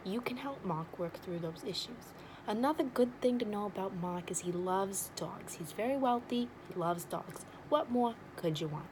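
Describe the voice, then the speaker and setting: A woman's voice: mid-range voice, expressive, normal speed, noisy background, natural voice. A woman playing a blunt, nosy, wisecracking matchmaker in an ASMR role-play, with an overdone regional accent and teasing sales patter. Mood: persuasive.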